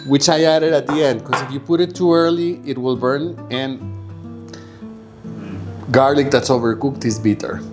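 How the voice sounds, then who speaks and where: With a steady tone and medium pitch, an Egyptian man gives a casual kitchen cooking demonstration as a home cook, improvising and checking in with listeners over guitar music. He keeps a moderate pace broken by long pauses.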